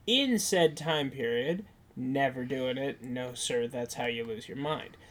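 A woman's voice: extremely low pitch, measured pace. A woman co-hosting a film podcast in casual banter, informal and wry, chiming in with short remarks.

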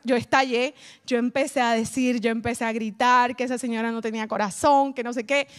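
A woman, animated as she tells a personal testimony and speaks straight to her audience. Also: high voice. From Colombia. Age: adult, mother of a child. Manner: animated storytelling, addresses the audience directly. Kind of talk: emotional personal testimony talk.

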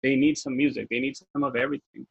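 A man's voice: mid-range voice, level tone, fast, vocal fry, narrow, tinny audio, slight background noise. A man and educator, a guest in a casual interview, talking earnestly and reflectively about teaching. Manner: earnest, reflective, with filler-heavy restarts.

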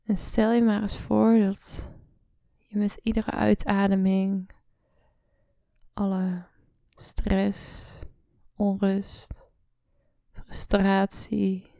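Slow whispering woman guiding meditation. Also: medium pitch, gravelly, no room sound. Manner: slow soft-spoken, often whispering. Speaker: meditation guide. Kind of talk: guided relaxation meditation.

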